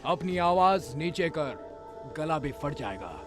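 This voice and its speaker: A man dubbing a witty, tough young hero who teases and threatens calmly, in a film dub. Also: fairly high pitch, slow pace, over music. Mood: coldly threatening. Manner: teasing, then coldly threatening. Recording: film score under dialogue.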